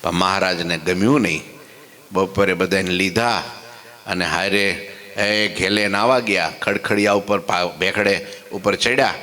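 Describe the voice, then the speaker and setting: A man telling devotional stories in a sermon, his delivery swinging between loud exclamations and soft quoted speech. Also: deep voice, steady tone, a little slow. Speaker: preacher telling scripture stories. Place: temple hall. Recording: long hall reverb.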